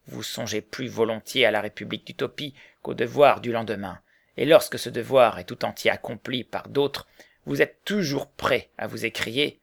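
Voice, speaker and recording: A witty older scholar banters and needles with dry irony, as a man reads him in a storybook. The voice is gravelly and creaky. His lines are a little raised and lively. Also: medium pitch. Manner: bantering, ironic. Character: witty older male Oxford scholar, teasing.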